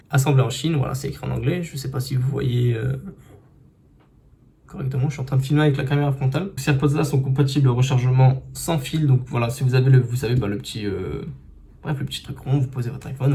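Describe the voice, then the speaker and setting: Male tech vlogger, mid-pitched and warm, talking through an unboxing on a phone, loose and chatty. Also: quick pace, vocal fry. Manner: chatty, with many fillers and restarts. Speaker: tech reviewer. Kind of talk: casual unboxing review. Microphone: phone camera.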